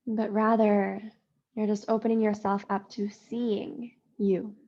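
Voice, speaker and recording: Woman yoga instructor, gravelly and mellow, slow and soothing, steady, even delivery. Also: mid-range voice, dull audio. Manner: slow, soothing, drawn-out phrasing with long pauses. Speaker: yoga teacher. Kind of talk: slow guided yoga meditation.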